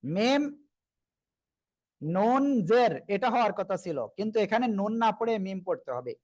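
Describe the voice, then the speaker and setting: A man's voice: high voice, expressive, normal speed, no room sound. A man with a Bangladeshi Bengali accent teaching a live online Quran reading class, patiently repeating letters and asking students to say them back.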